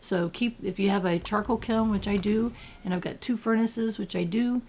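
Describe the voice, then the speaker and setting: An older woman with a gravelly whiskey voice, chatting and rambling casually as she hosts a game walkthrough. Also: medium pitch, steady tone, moderate pace, darkish tone. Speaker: gaming video host. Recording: clear background noise.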